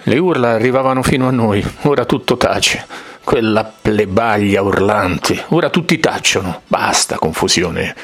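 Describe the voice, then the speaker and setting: A man voicing the high priests as one cold, self-righteous figure, in a bitter inner monologue that moves from musing to hard judgement. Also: husky, exaggerated voice.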